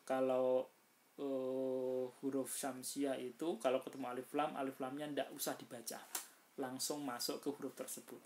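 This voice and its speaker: A man teaching recitation rules in a casual lesson, chanting example words slowly and louder, with many hesitant fillers as he explains. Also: medium pitch, slight background noise.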